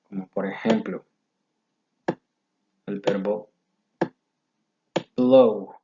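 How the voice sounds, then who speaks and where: A man giving a recorded English grammar lesson, explaining rules slowly and step by step. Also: fairly low pitch, fairly even intonation, a little hiss or hum. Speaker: English teacher. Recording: dull lo-fi audio.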